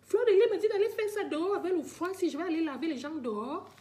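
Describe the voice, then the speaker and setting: A woman's voice: very high voice, quick pace, warm tone. Older woman in a pleading live-stream rant. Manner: pleading, repetitive, talks straight to viewers. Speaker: livestreamer addressing viewers.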